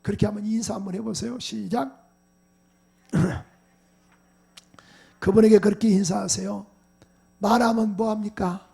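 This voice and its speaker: Gravelly high-voiced Korean pastor preaching. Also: male voice, steady tone, a little slow, pauses often. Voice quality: gravelly, husky voice. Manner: swings from quiet storytelling to loud shouted exhortation. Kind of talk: sermon with personal story.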